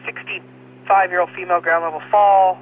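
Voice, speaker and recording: A man's voice: sits high, level tone, normal speed. A male emergency dispatcher reading out a call over a two-way radio, in clipped, procedural radio codes. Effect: two-way radio transmission. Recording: muffled radio with faint hum.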